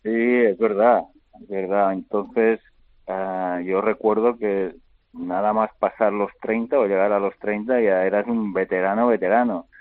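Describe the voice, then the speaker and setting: A middle-aged man, a retired basketball player, answering interview questions by phone in a halting way, repeating words and filling pauses. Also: fairly low pitch, fairly even intonation, no room sound. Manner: halting, repeats words often, many fillers. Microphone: telephone. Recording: tinny phone line.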